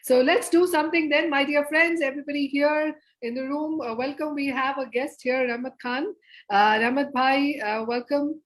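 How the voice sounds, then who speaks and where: A woman's voice: high-pitched, normal speed, low-quality recording. Coaxing woman leading a workshop. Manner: lively, coaxing audience participation. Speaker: theatre educator and presenter. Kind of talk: interactive online workshop facilitation. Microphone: video call.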